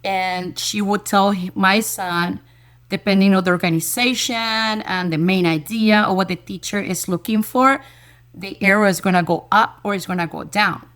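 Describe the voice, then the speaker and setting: A woman elementary school teacher, a guest in an interview, telling a story in a lively, enthusiastic way and repeating words as she goes. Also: mid-range voice, moderate pace, clear, resonant tone. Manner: lively storyteller who acts out quoted dialogue.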